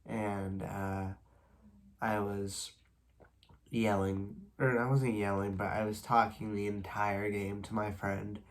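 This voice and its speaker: Recapping baseball standings alone on video, this young host sounds congested and a bit worn. His voice is lowish and slow, yet he reads the numbers steadily and drifts into rambling asides between stats.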